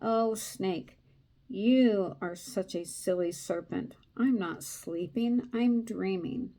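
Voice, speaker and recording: A calm, knowing male desert lizard who dreams the future, his lines read out of a storybook by a woman. He talks slowly and knowingly in a mellow, darkish tone. It is plain reading rather than a big character voice. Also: mid-range voice. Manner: read aloud from a card book.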